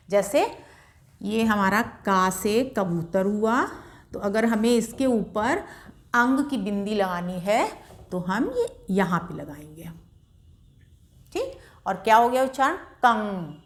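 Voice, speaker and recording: A woman's voice: on the high side, a bit bright. A woman teaching beginners to read at a board, patiently sounding out syllables and repeating them for learners. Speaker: Hindi literacy teacher. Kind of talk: slow board lesson for beginners.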